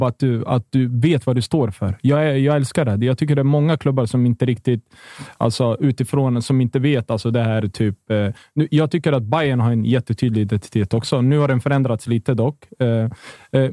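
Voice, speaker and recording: A man with a dark, mellow voice, talking football in a loose podcast chat. He is emphatic and rambles, circling back and restarting his sentences as he goes. His delivery is close and dry. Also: medium pitch, dry recording. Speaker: football pundit.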